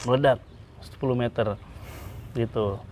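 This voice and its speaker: An interview guest, a man speaking at an ordinary middle pitch. He tells his story earnestly. He pauses often and fills the gaps with hesitant sounds. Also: fairly even intonation, a little mellow. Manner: earnest, hesitant with many "eh" fillers. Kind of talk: interview, personal account.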